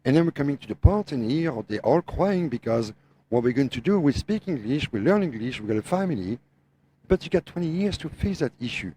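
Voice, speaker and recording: A man's voice: medium pitch, big pitch swings, a little fast, warm tone, a little hiss or hum, low-quality recording. A middle-aged man from France, a native French speaker with a French Tennessee accent, giving his opinions on a podcast in emphatic, repetitive, non-native English. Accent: French mixed with Tennessee. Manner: emphatic, repeats phrases, non-native grammar. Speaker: guest truck driver, owner operator.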